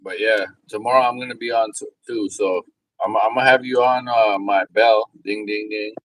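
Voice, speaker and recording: A man with a low voice chats casually with a friend on a stream. He is laid-back and keeps his replies short, and the recording sounds dry. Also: fairly even intonation, moderate pace, fairly bright tone, no echo, rough recording. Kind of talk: casual chat.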